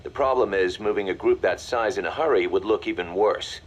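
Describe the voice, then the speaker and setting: Actor as a low-voiced, hard-nosed mercenary deputy. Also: male voice, brisk, close to an everyday voice. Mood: matter-of-fact. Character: brisk, hard-nosed male mercenary second-in-command. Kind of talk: video game voice acting, mission briefing dialogue.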